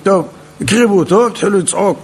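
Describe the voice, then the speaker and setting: A male rabbi, telling a Torah story in an animated way, acting out the quotes and adding humorous asides. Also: a little high, vocal fry, husky.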